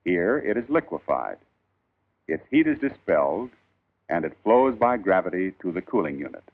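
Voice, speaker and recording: A man reading a scripted 1940s instructional film in a formal, measured, emphatic old newsreel narrator style. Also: sits low, sing-song. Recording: tinny band-limited 1940s film soundtrack.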